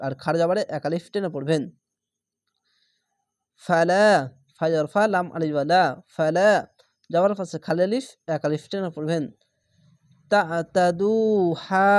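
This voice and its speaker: Male Quran tutor, dry close sound, letter-by-letter spelling, slow drawn-out recitation. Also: fairly high pitch, a little mellow, dry recording. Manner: spells letters then draws out the whole word slowly. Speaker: Quran reading teacher.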